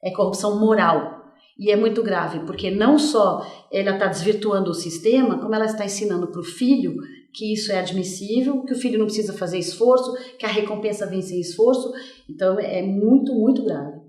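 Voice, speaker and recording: A female guest expert and author speaks earnestly and firmly, laying out her points with care. Her voice is mellow and darker in tone. The room is very echoey. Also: medium pitch, brisk. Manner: earnest, explanatory, firm. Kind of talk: studio interview.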